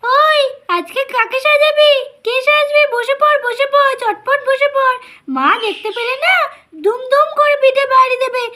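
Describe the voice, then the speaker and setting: A woman's voice: very high voice, normal speed, sharp tone. A woman voicing chattering, pleading little girls in a doll play story, with a singsong, playful way of talking. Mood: bossy.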